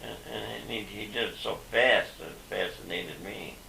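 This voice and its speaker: Older man, gravelly and sharp-toned, halting talker, heard from a distance on a hissy old VHS home video tape. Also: on the low side, echoey room. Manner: halting, with many fillers and restarts. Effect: old VHS home video sound. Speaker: father being interviewed. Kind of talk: reminiscing home interview.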